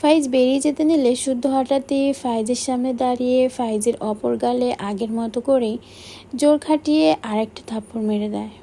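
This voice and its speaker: High, gravelly woman narrating an audiobook. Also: steady tone, normal speed, dark tone, a little hiss or hum. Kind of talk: audiobook reading of a romance novel.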